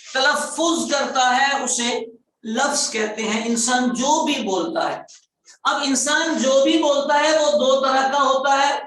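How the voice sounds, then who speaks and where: A male grammar teacher leading an online class. He repeats key terms, quizzes his students and stretches words slowly for emphasis. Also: very high-pitched, pushed and bright. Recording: very echoey room, voice far from mic.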